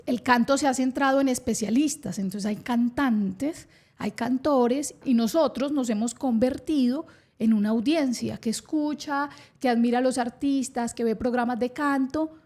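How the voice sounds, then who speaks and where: A woman's voice: fairly high pitch, moderate pace, a little mellow. A woman hosting a science podcast, explaining with enthusiasm and an occasional laugh. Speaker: podcast host.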